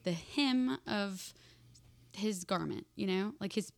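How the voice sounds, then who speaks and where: A woman's voice: medium pitch, slow pace, vocal fry. A woman co-hosting a faith podcast in casual conversation, chiming in with quips and asides. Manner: chatty, chimes in with quips and asides.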